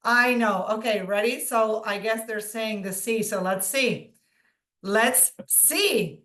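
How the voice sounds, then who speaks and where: A woman's voice: fairly high pitch, steady tone, a little slow, a bit bright. A woman co-hosting a webinar, chatty and giggly, playing along with game-show banter. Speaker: webinar co-host. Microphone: video call.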